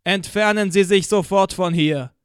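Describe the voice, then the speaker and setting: A man voicing a commanding police loudspeaker in an audiobook, stern and loud. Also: high voice, unhurried, clear, resonant tone, no echo, studio quality, voice pushed up.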